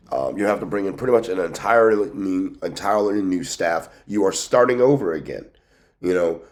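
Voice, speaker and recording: A man's voice: low-pitched, darkish tone. A man hosting a sports show in casual commentary, sounding congested and nasal from a cold, as if pinching his nose, with a folksy, conversational manner. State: has a cold with a scratchy throat. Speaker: host of a sports team news show.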